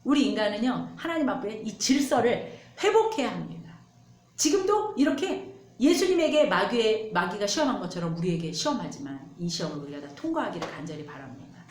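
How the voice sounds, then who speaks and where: A woman pastor preaching a sermon in an animated, emphatic way. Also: medium pitch, a little fast, reverberant.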